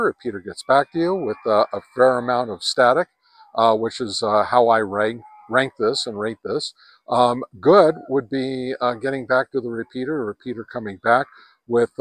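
Holding a camera at arm's length, a sixty-something man gives a loose, filler-heavy ham radio review with plenty of hands-on demonstration. The recording is dry and his voice is medium-pitched and a bit bright. He starts in his home radio shack, heads outside to a park, and ends up in a truck.

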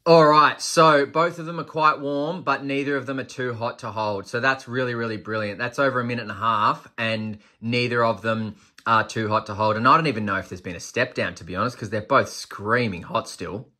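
A man in his thirties with a sharp, mid-range voice reviews flashlights casually at a moderate pace, thinking aloud with enthusiasm. He starts at a workshop desk indoors and later moves outdoors at night.

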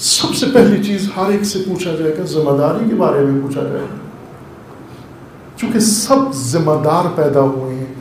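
A man delivers a sermon with a fairly high voice, telling a story and pressing his points harder as he goes. His voice rings through a very echoey hall. Faint ambience hums underneath. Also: a little mellow, slight background noise. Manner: storytelling with rising emphasis. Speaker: preacher.

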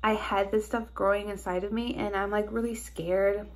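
A woman's voice: medium pitch, steady tone, normal speed. A young woman with a stuffed-up, nasal voice, talking anxiously in a casual personal vlog recorded on her phone. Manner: anxious, rambling with many "like"s. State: stuffed-up nose. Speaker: vlogger. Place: car and hospital hallways, on the move.

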